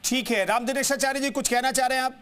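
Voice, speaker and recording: A man with a very high voice anchors a TV news debate. He turns to each guest briskly and politely and keeps the panel moving. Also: fairly even intonation, a bit bright, clear, resonant tone. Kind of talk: moderating TV debate.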